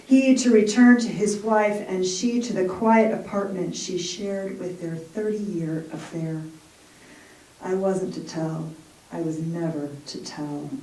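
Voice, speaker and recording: A woman poet reads her work slowly and deliberately in a mellow, dark-toned voice, joking a little between poems. She sounds distant from the microphone in a roomy, echoing space before an audience. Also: mid-range voice. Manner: slow, deliberate reading with self-deprecating chat between poems. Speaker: poet and college English professor. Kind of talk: poetry reading with casual asides. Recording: roomy echo, mic far off.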